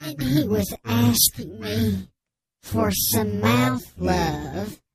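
A woman as an anonymous radio caller whose voice is disguised with a slowed, deepened filter, speaking in a prim deadpan. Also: crowd noise.

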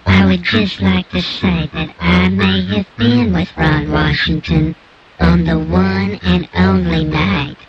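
A man voicing an anonymous male informant through a digitally altered disguised voice, telling his story in a slow, formal, overwrought way. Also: sits high, steady tone, gravelly, muffled recording, a loud crowd, full character voice. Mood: solemn. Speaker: guest informant. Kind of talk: radio comedy bit.

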